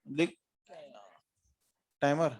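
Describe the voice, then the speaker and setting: High-voiced male classroom teacher. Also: level tone, drawn-out words. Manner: questioning students, mixing Hindi and English terms. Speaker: physics teacher. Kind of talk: classroom lecture. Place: classroom with students.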